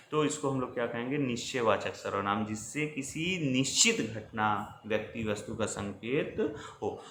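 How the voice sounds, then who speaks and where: A man's voice: medium pitch, a bit bright. A man teaching a grammar lesson over slides, explaining patiently and checking in with his students as he goes. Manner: explanatory, addresses students directly with frequent checks. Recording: echoey room with faint ambient noise.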